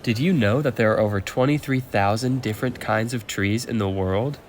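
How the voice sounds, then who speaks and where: A man voicing a bright green male engine who is earnest and literal and recites facts, in a fan audio drama. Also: medium pitch, normal speed, slight background noise, natural voice.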